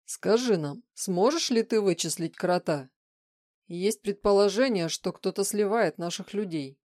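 A woman voicing a calm, businesslike middle-aged man in an audiobook reading, speaking in a matter-of-fact way. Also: medium pitch, a little slow, dry recording, studio quality, lightly acted. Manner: matter-of-fact, even delivery.

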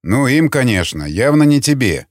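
A man voicing a calm, commanding seasoned scavenger who speaks tersely and bluntly. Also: medium pitch, normal speed, dry recording, studio quality, natural voice. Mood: matter-of-fact. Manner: terse, blunt, matter-of-fact.

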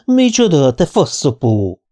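A male audiobook reader voicing a crude, tough bar waitress with a slow, slangy drawl. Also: very deep voice, big pitch swings, dark tone, dry recording, exaggerated voice. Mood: shrieking. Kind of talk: audiobook reading.

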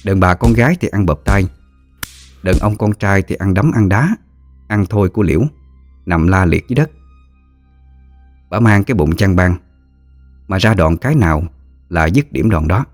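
A man with a Southern Vietnamese accent telling a story in a steady, plain way. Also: deep voice, moderate pace, long pauses, no room sound, soft background music. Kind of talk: storytelling narration.

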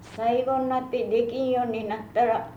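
An elderly woman with a western Japanese accent, talking in a measured, politely old-fashioned way as she is interviewed about her life and views. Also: on the high side, level tone. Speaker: oral history interviewee. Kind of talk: reminiscing interview talk. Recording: muffled, roomy, faintly noisy tape recording.

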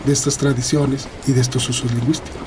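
A man's voice: medium pitch, flat delivery, fast, a little mellow, a little hiss or hum. A man with a Mexican accent, a guest linguist explaining things in an interview, hesitant and full of fillers and tag questions.

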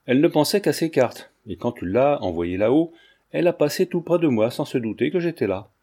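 A sly young gentleman who teases his mistress with easy, mocking charm, as a male audiobook reader puts him on. The voice is mellow and warm, at a middling pitch, and it keeps a light, amused edge throughout. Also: animated, fairly quick. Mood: teasing. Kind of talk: audiobook character reading.

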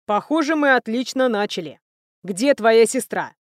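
A woman reading aloud, voicing a cold, calculating male elf prince who interrogates his captive in a low, slow, menacing voice. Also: lively intonation, no room sound, studio quality, natural voice.

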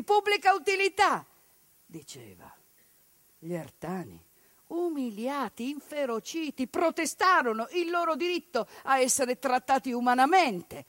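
A woman delivers a one-woman theatre monologue with passion, moving between quiet lines and forceful outbursts. Her voice sits on the higher side, and there's no echo.

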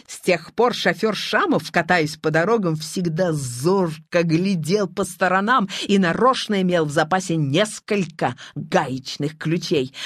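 A narrator reading a children's story aloud in an expressive, animated storytelling manner, close to the mic. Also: medium pitch, no echo.

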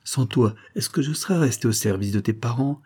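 A man's voice: medium pitch, a little fast, warm tone, husky, lightly acted. A man reading an audiobook, voicing a fussy middle-aged female servant who dotes on and scolds the girl she raised. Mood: indignant. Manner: scolding, doting. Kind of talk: audiobook character voice.

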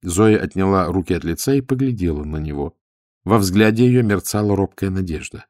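A man narrating an audiobook expressively, letting his voice drop low on the dialogue tags. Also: expressive, fairly quick, darkish tone, no room sound, studio quality.

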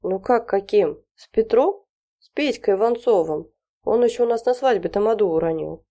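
Lady doing a gruff naive dad, blusters and huffs, dark mellow tone. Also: medium pitch, expressive, normal speed, muffled recording, voice pushed up. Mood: blustering. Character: blustering middle-aged father, gruff and naive.

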